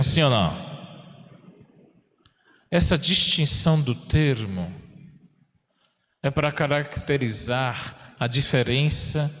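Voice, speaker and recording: A Brazilian priest with a mid-range voice preaches a sermon in a homely, conversational way, putting questions to his congregation. He stretches words out slowly to stress them. His voice carries a long reverb through the church. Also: medium pitch, a bit bright. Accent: Brazilian Portuguese. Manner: folksy, asks the congregation questions, slows down for emphasis. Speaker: parish priest.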